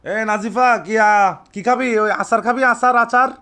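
The voice is high-pitched, bright and forceful, with fairly even intonation and a slightly slow pace. It belongs to a young Bangladeshi man with a Chittagong accent who pretends to be an older brother on a prank call, boasting and repeating himself in casual talk.

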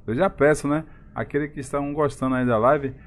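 His voice a little high and steady in tone, this Salvador native from Bahia, Brazil, talks a little fast on a live game stream. In a Bahian Brazilian Portuguese accent, he casually chats and welcomes viewers by name.

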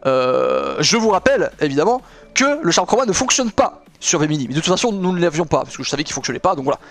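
A man's voice: a little high, quick pace. A young man streaming live, chatting with viewers in a rambling way with lots of fillers. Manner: excitable, shouting and laughing with joy. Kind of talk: live stream reaction and chat.

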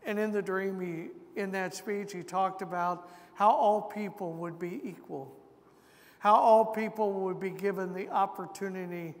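A man preaching a sermon in a church, moving from scripture reading into story-filled asides to the congregation. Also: sits high. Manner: slow, deliberate preaching with asides. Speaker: pastor. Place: large church sanctuary. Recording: long church reverb.

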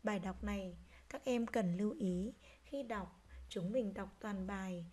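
Slow, gentle woman teacher. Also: medium pitch. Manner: gentle, slow, clearly articulated. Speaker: primary school teacher. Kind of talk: reading lesson for young children.

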